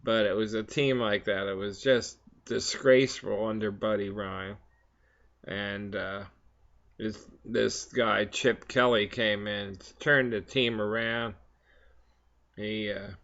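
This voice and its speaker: A man in a casual, rambling solo chat, speaking haltingly between puffs on his pipe, with frequent hesitant pauses. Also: fairly low pitch, fairly bright tone. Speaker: vlog host. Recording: slightly dull, lo-fi sound.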